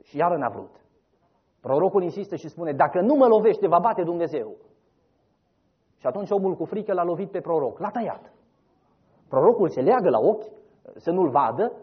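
A man preaching a sermon, telling the story dramatically, rising loud and then dropping soft. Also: fairly high pitch, breathy edge. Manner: dramatic storytelling, voices quoted figures, rises loud then drops soft. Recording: dull lo-fi recording.

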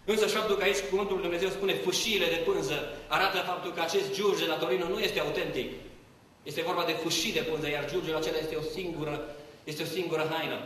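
A man's voice: on the high side, steady tone, fairly bright tone, slight background noise. A man preaching a sermon as pastor, emphatic, with rhetorical questions and repetition. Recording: echoey hall from far off, faint ambience.

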